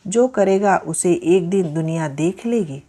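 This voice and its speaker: A woman voicing a gentle wife who speaks in a soft, tender voice in a read-aloud story. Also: lowish voice, animated, measured pace.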